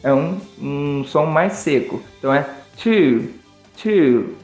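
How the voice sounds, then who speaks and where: A Brazilian man with a Brazilian Portuguese accent gives a friendly English lesson. His voice sits a little high, and he drills each word slowly so students can repeat it. The room is echoey, and faint music plays behind him. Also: fairly even intonation, highs cut off. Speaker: English teacher.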